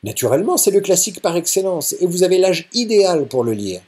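A man's voice: high-pitched, big pitch swings, fast, a little mellow, voice pushed up. A man voicing a serious, composed young woman tutor who asks precise questions in a storybook reading. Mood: measured.

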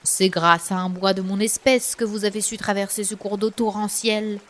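A woman voicing the oldest, tallest tree of a forest in a children's storybook, speaking gravely and reproachfully. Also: medium pitch, fairly even intonation, moderate pace, a little mellow, natural voice. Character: ancient grave giant tree, solemn. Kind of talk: storybook voice acting.

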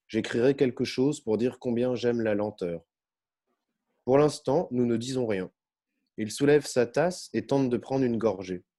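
Male narrator for a first-person novel; warm, mid-pitched, measured and unhurried delivery.

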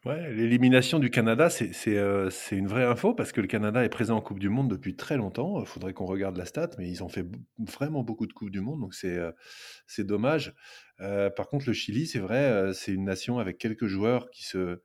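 A middle-aged man co-hosting a casual podcast, relaxed and joking, teasing his partner. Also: lowish voice, fairly quick. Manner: relaxed, joking, reads reviews aloud. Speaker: podcast co-host.

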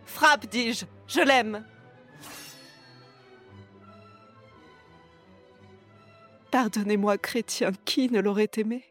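A woman playing a young enslaved heroine in love, reciting classical tragedy verse softly and intimately, right up close to the ear. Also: fairly high pitch, unhurried, voice pushed up. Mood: pleading, impassioned. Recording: binaural, music underneath.

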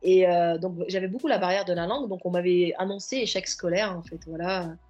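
Speaking in a fairly low, darkish voice, a therapist and coach reflects earnestly as a guest on a podcast interview. She often circles back to find her words, piling up restarts as she goes.

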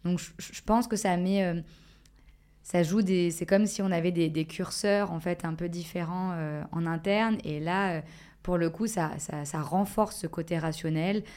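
Lowish hesitant woman podcast guest. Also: fairly even intonation, normal speed, a little mellow, clear, resonant tone. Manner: hesitant, reflective, many fillers and restarts. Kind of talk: casual podcast conversation.

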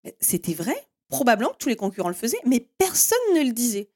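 A woman's voice: a little high, very animated, fast talker, darkish tone, husky. A woman hosting a solo marketing podcast, explaining step by step in a direct way and giving listeners firm instructions. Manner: direct, explanatory, with frequent "en fait" and "eh bien".

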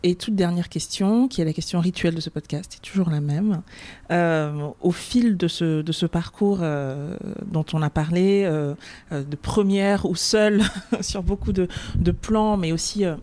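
A woman's voice: fairly low pitch, a little slow, dark tone. A woman hosting a podcast interview, asking attentive questions and reflecting on her guest's answers. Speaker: podcast host.

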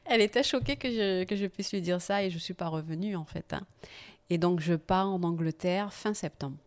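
A woman guest on a podcast, telling her life story in a casual, lively way and often laughing. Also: on the low side, normal speed. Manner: lively, laughing, animated when telling anecdotes.

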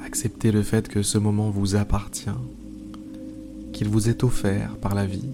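A man hosting an improvised guided meditation, pausing often, repeating phrases and slipping into informal asides. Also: fairly low pitch, level tone. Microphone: speaking into a microphone. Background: music.

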